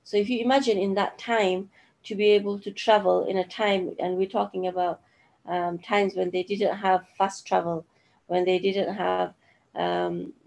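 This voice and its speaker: A middle-aged woman teaching a Quran lesson over a video call, explaining slowly with many fillers and restarts. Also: medium pitch, mellow.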